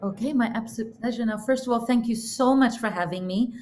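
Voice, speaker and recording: A woman's voice: fairly high pitch, fairly quick, darkish tone, a little hiss or hum. A middle-aged woman from Norway, a counselor and coach, talks as a podcast guest in an earnest, reflective way about her inner journey. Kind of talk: casual interview talk.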